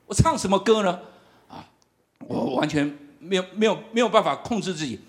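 Man, middle-aged, high and animated, humorous sermon storyteller. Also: normal speed. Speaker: campus ministry worker. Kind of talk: sermon testimony.

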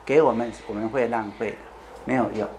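A man's voice: mid-range voice, fairly even intonation, brisk, a little mellow, a little hiss or hum. A man giving a conversational sermon. He asks the congregation questions, answers them himself, repeats key phrases and keeps adding "you know?". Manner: tags lines with "you know?". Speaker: preacher.

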